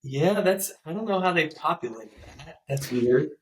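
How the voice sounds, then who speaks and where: A man's voice: a little high, animated, moderate pace, echoey room, slight background noise, low-quality recording. A man in his thirties from North Jersey, an easygoing podcast guest who laughs often and stammers a little. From North Jersey, USA. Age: 30s. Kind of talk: casual interview chat.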